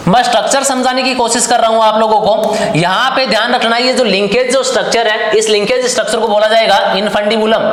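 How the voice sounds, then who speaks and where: A man's voice: sits high, fairly bright tone. A man teaching a nursing class in a lecture style, repeating terms and quizzing students, with a sore throat. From India. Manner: repetitive, asks students questions. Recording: very echoey room with faint noise.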